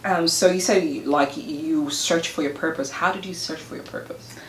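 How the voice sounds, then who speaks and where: A woman's voice: deep voice, moderate pace. A woman hosting a casual interview, enthusiastic and murmuring along as she listens. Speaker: interviewer, host. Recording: echoey room with faint noise.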